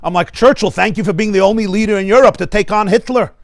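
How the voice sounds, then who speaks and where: A middle-aged American man, a rabbi, teaching a lively class in a synagogue study hall, often laughing and asking the audience questions. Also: high-pitched, fast. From United States.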